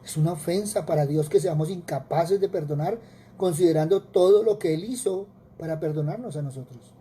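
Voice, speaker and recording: A man's voice: on the high side, a little fast, warm tone. A man with a Colombian Spanish accent preaching a sermon, earnest, with repetitions and rhetorical questions.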